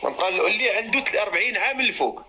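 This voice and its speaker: A man's voice: high-pitched, racing, heavy background noise. A man with a Moroccan Arabic accent hosting a live matchmaking stream, chatting and calling out to viewers and callers.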